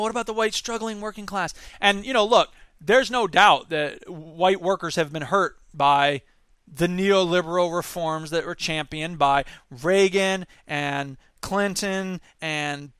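Guy doing a political podcast, fairly high voice, emphatic and exasperated, dry close sound. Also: a bit bright, clean tone, no echo. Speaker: podcast host. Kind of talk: political commentary.

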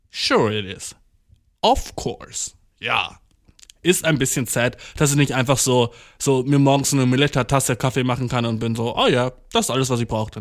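A man with a medium-pitched voice rambles through a comedic monologue, swearing nonstop and sprinkling English slang into his speech. He mocks himself and sounds over-caffeinated. The clip is an audio-only recording.

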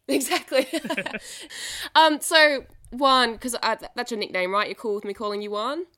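A woman's voice: fairly high pitch, a little slow, pushed and bright. A woman hosting a podcast, bubbly and chatty, asking friendly questions. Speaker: podcast host. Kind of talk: casual interview chat.

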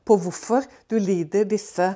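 A woman's voice: mid-range voice, mellow. A woman giving a conversational Bible teaching, talking in a chatty way with many fillers and tag questions to her listeners.

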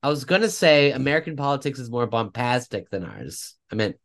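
A man's voice: mid-range voice, lively intonation, brisk, gravelly, fairly bright tone. A man co-hosting a casual political podcast, rambling and correcting himself as he talks, often laughing at his own stories. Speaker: podcast co-host.

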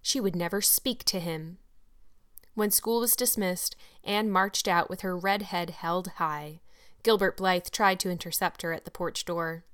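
A woman narrating a classic storybook in an expressive, measured reading. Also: on the low side. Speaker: audiobook narrator.

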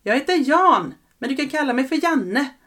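A woman's voice: expressive, fairly bright tone. A woman voicing a see-through ghost boy who begs and coaxes another child to come and play. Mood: pleading. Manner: high, urgent and coaxing. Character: ghostly young boy, eager and pleading.

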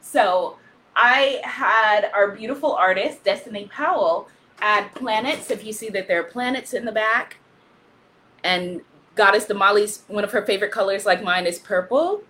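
A loud, exuberant woman hosting a live stream as an author, reading out viewer comments and cheering often. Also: mid-range voice, normal speed. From Guyanese-Caribbean family. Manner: frequent laughter, cheering chants.

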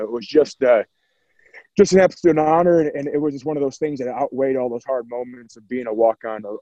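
A man's voice: medium pitch, mellow, no room sound, muffled recording. A young man, a former walk-on player, recalling his games in a rambling way, with many restarts. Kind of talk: casual interview recollection.

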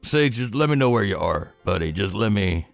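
A man's voice: lowish voice, lively intonation, normal speed, creaky, faint music behind. A man voicing an earnest male adventurer who fumbles and trails off as he calls out to a friend in a tabletop game. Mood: pleading. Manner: fumbling, trailing off, self-doubting.

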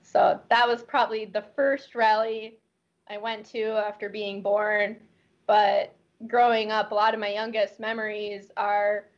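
A woman in her twenties, a rally co-driver, chatting in a quick, chatty way. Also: fairly high pitch. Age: 20s. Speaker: co-driver guest. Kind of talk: casual storytelling. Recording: dull lo-fi recording.

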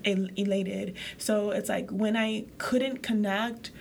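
A young woman born in Haiti talks openly as a podcast co-host, thoughtful and unguarded, with frequent fillers. Her voice sits at a middle pitch, and a faint noise runs under it. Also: steady tone, slow pace, creaky. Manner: open and reflective, many fillers. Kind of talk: casual heartfelt chat.

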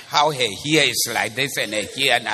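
A man preaching a sermon in church, animated and teasing, talking straight to the congregation. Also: mid-range voice, a little slow, slightly rough. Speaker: pastor. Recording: long reverb of a church hall.

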